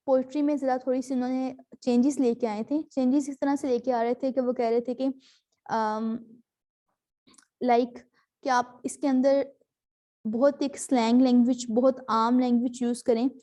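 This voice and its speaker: Patient teacher, soft warm woman. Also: high-pitched, fairly even intonation, measured pace. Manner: explains patiently, mixing in English terms, many fillers. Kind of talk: online class lecture. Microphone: video call.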